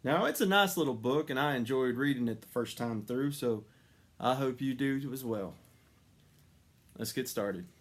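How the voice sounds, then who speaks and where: A man reads a children's story aloud as an expressive narrator, his voice mid-range and his speed normal.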